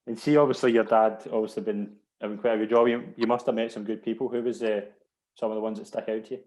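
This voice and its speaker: A man's voice: fairly low pitch, little pitch movement, quick pace, a little mellow, poor audio. A man hosting a podcast interview, often restarting his questions and answering with brilliant. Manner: repeats words, says "brilliant" often. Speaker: podcast host. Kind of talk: casual interview.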